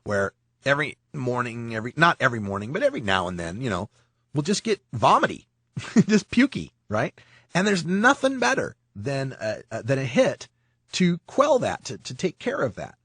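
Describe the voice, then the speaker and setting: A man's voice: mid-range voice, huge pitch swings, normal speed, a bit bright, slightly rough, no room sound. A man hosting a podcast, rambling and joking through news stories with frequent laughs. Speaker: podcast host. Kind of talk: casual news commentary.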